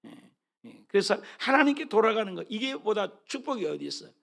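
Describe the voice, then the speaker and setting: A male pastor preaching a sermon, reading scripture aloud with loud fervent rises and soft asides, repeating phrases and asking the congregation questions. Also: high voice, sing-song, a little fast, creaky.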